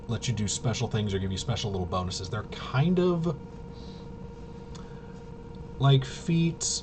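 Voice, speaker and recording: Unscripted and thinking aloud, this man explains game rules in a casual, halting, rambling way as a tabletop RPG reviewer. A low rumble runs through the clearly noisy recording.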